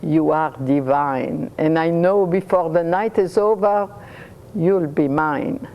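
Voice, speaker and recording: A woman's voice: low-pitched, takes it slowly, lo-fi sound. A woman voicing a sly, charming Frenchman. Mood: seductive.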